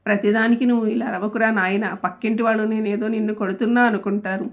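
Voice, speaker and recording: A woman's voice: mid-range voice, steady tone, fast talker, highs cut off, natural voice. A woman voicing a clumsy, fussing middle-aged father who exclaims and grumbles at his son in a storybook. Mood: grumbling.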